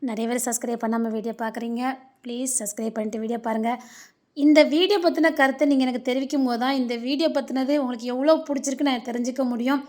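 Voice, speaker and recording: Fast-talking woman host asking for subscriptions. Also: fairly high pitch, steady tone, darkish tone. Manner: pleading for likes and subscriptions. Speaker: channel host. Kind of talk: video intro.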